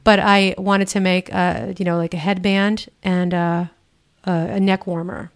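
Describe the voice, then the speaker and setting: A woman's voice: fairly low pitch, level tone, measured pace. A woman hosting a casual interview, telling stories in a chatty, rambling way full of fillers. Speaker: podcast host, interviewer.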